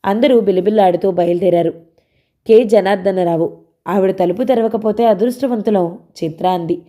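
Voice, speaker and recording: A woman's voice: moderate pace, dark tone. A woman narrating a novel aloud and voicing the characters' dialogue. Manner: changes pitch slightly for characters' quoted lines.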